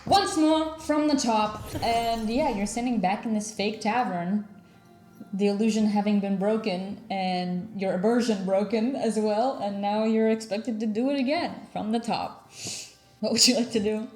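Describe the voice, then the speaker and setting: A woman narrating a tabletop game as dungeon master, unhurried, with many fillers. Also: mid-range voice, steady tone, darkish tone, echoey room, soft background music.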